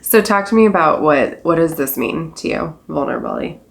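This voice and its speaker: A woman with a somewhat low voice co-hosting a casual chat. She teases her co-host, laughs easily and keeps pulling the conversation back on track. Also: big pitch swings, a little fast, vocal fry. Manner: teasing, laughs often, steers back to topic. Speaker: podcast co-host.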